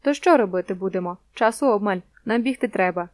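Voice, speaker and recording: A woman's voice: medium pitch, brisk, no echo, natural voice. Give me a blunt, loyal teenage boy with a fiery temper, read by a woman. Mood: urgent. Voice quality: forceful, blunt.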